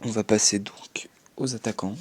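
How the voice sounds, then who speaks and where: A man's voice: lowish voice, steady tone, normal speed, husky. A young man chatting casually as a gaming YouTuber, commenting on his game with offhand swearing and little sound effects.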